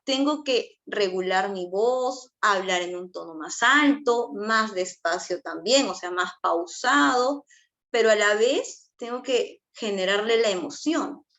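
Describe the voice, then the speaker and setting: A woman giving a class on early childhood language, talking in a lively way and acting out how adults speak to small children. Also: medium pitch. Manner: lively, acts out child-directed speech. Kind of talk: online class lecture.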